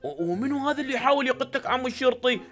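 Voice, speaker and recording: A woman with an Iraqi Arabic accent hosting excited game commentary, with shouty exclamations. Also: high voice, very fast. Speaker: gaming channel host.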